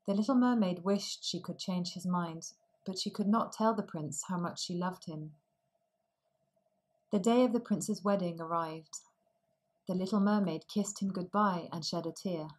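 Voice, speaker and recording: A woman reads a fairy tale aloud for language learners, slow and clearly articulated. Her voice sits a little low, and she gives each sentence room. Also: a little mellow, poor audio. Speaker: storyteller. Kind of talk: storybook narration for language learners.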